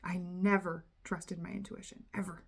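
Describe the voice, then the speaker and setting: A woman's voice: lowish voice, normal speed, vocal fry, slightly rough. A woman, a tarot reader and spiritual coach, giving a casual channeling talk in a candid, earnest way, swearing now and then and acting out inner voices. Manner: animated, acts out inner voices.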